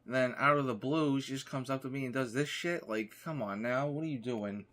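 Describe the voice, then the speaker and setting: A man's voice: mid-range voice, a little fast, a bit bright. A young man, a gaming YouTuber, casually telling a rambling story over gameplay and filling his talk with "like.". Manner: rambling, lots of "like" fillers.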